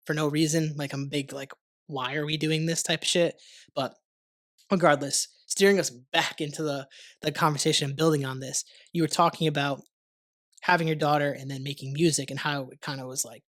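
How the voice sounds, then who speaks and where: This young man hosts a podcast in a warm, lit studio, his voice fairly high and a bit bright. The casual interview has him rambling, scattering plenty of "like" and the odd swear word.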